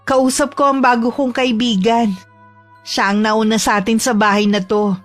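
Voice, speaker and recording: A troubled young woman, as a woman plays her speaks in a calm, distant, cryptic way. Her voice sits slightly high. A horror story telling. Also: moderate pace, soft background music, lightly acted. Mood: eerie calm.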